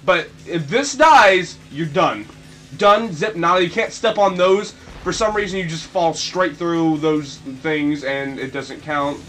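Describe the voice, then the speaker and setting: A goofy young-sounding man rambles through his gameplay commentary in a high, light voice, jumping between jokes and sudden shrill yelps. Faint game music plays under him. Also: unhurried, a bit bright. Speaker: let's play commentator.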